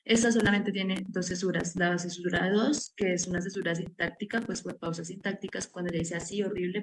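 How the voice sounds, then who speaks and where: A woman's voice: mid-range voice, noisy background. A woman giving an academic seminar presentation, explaining her research step by step with many filler words. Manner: explanatory, walks through steps with frequent "pues" fillers.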